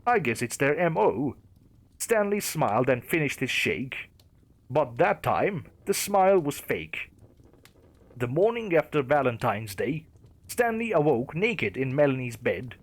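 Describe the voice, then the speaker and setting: A man's voice: medium pitch, big pitch swings, unhurried. A man narrating a creepypasta story in a wry storytelling manner.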